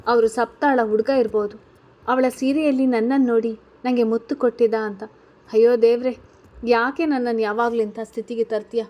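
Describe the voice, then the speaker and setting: A woman's voice: fairly high pitch, steady tone, brisk, highs cut off, close to an everyday voice. A woman voicing a tearful, guilt-ridden young college woman in a read-aloud story, asking anxious questions. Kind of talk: storybook character reading.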